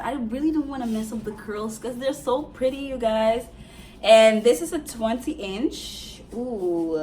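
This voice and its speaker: A woman beauty vlogger doing a casual unboxing, chatty and excitable, talking straight to her viewers. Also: mid-range voice, recorded from a distance, slight background noise.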